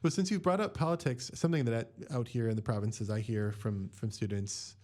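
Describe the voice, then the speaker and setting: A man hosting a podcast interview, posing long, deliberate questions in a measured way. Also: mid-range voice, darkish tone. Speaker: podcast host.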